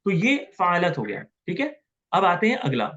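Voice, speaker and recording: A man's voice: sits high, wildly swooping pitch, moderate pace, a bit bright, muffled recording. A man teaching Arabic grammar in an online class, patiently repeating words and asking students questions.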